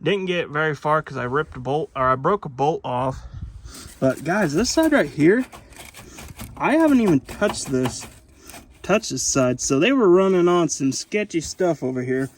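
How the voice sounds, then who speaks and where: A man's voice: fairly high pitch, animated, moderate pace. A man in casual talk to camera while working on a truck frame, rambling with many fillers and self-corrections. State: out of breath. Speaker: vlogger restoring a truck.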